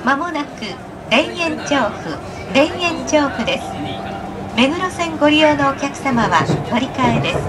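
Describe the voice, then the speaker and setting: High-pitched woman train announcer, loud train noise. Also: animated, distant mic, crowd noise. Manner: formal, measured. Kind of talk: scripted automated train announcement. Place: inside a moving train, over onboard speakers. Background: loud train rumble.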